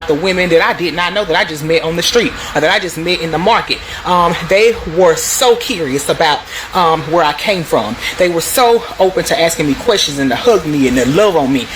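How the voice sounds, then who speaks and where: An American woman hosts a video, casually sharing stories and opinions in an emphatic, digressive way. Her voice is on the low side and animated, a little fast with few pauses. Background noise is clearly audible in the recording.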